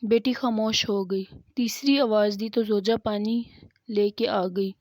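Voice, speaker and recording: A woman's voice: mid-range voice, fairly even intonation, a little mellow, dry recording. A woman telling religious stories in a sermon style, fervent and emphatic. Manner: fervent, emphatic, acts out quoted dialogue. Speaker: religious storyteller. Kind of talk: Islamic sermon storytelling.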